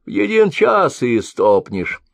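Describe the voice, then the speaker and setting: Studio-quality with no room sound, this audiobook reading has a man performing a mocking, sly old ferrywoman who carries travelers. His exaggerated voice swings widely in pitch with vocal fry, pitched high, cracked and wheedling, and delivered slowly and drawn out.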